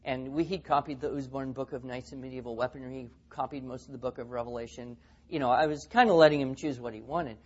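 A man's voice: mid-range voice, fairly even intonation, fast, highs cut off. A man speaking at a teaching seminar, telling stories and acting out the quotes. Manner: storytelling, acts out quotes. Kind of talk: seminar talk with anecdotes.

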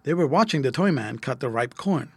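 A man narrating a children's storybook aloud in an expressive, lively read. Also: mid-range voice, fairly quick, slightly rough, no echo.

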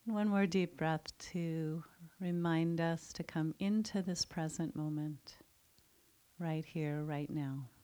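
A woman with a slightly low, steady voice leads a mindfulness meditation. Her tone is soft and calming, and she speaks very slowly, leaving long gaps between phrases.

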